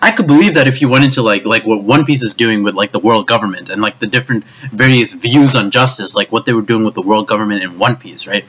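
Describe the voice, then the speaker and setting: A man's voice: on the low side, fast, few pauses, fairly bright tone, slightly rough, muffled recording. A man giving an anime review as a frustrated, profane rant, stammering and repeating himself as he goes. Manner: frustrated, stammering, swears often.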